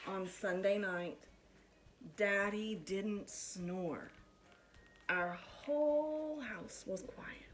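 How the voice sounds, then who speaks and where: Like a teacher with her class, a woman reads a picture book to children in a deliberate, expressive way. She has a medium-pitched voice, and some slight background noise is audible.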